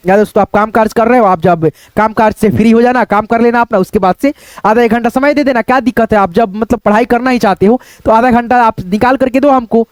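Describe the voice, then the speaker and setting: A man teaching Hindi reading in a chatty online lesson, slowing down to sound out words and addressing viewers as friends. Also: high-pitched, a little mellow, clear, resonant tone, no echo. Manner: chatty, repeats "दोस्तों" often, slows to spell out words.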